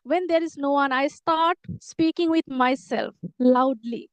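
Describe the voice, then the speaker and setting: Here a middle-aged English teacher talks through a conversational lesson dialogue in a high, unhurried voice with no room sound. She's earnest, restating things to make each point land.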